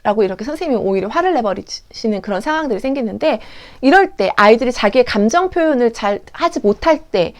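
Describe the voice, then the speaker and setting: An earnest woman teacher lectures other teachers in a clear, instructive way. Her voice is fairly high and very animated, rising and falling as she acts out classroom examples. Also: quick pace, hardly any pauses.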